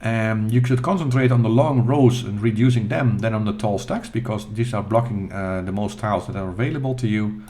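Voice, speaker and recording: Middle-aged man, fairly low voice, casual gameplay voice-over, self-deprecating, halting with fillers. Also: mellow. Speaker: retro gaming channel host.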